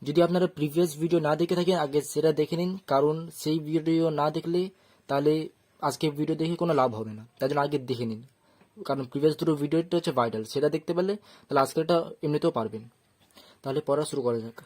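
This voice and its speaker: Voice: mid-range voice, quick pace, a little mellow. Patient Quran teacher stretching letter sounds. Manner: patient, explaining step by step; draws out letter sounds at length when reciting. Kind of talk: online lesson on Quran letters.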